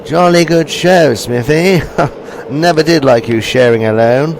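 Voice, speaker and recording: Man playing a plummy desert explorer, jolly understatement, slow drawl, comic radio sketch, engine noise behind. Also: natural voice. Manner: jolly, upper-crust understatement. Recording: noisy ambience with vehicle rumble.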